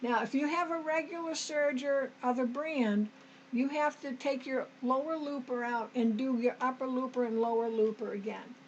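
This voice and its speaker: A woman's voice: high-pitched, moderate pace, highs cut off, a little hiss or hum. A woman hosting a sewing tutorial, chatting homely to viewers as she works step by step, her throat a little dry. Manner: homey, talks to viewers as "us", frequent okays and restarts. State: slightly dry throat, clearing it.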